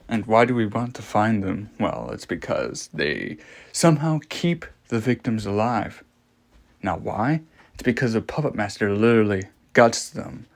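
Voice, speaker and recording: In a horror audio log, a man acting as a morbidly fascinated scientist lectures about a monster. His fairly low, creaky voice is broken by dramatic pauses and rhetorical questions.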